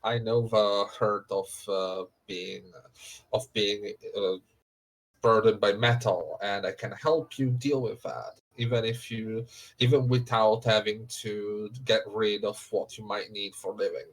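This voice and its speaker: A man playing a gentle, helpful therapist in his fifties for a tabletop game, courteous and hesitant. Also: on the low side, fairly even intonation, measured pace, natural voice, rough recording. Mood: earnest pitch.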